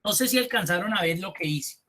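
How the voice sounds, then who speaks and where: A male instructor leads an online class with a bright, clear, forward voice. He walks his students through each step and keeps asking them to look closely. He sounds like he is speaking into a computer mic on a video call. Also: high voice, expressive, a little fast. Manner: explains step by step, addresses students directly. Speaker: Excel instructor.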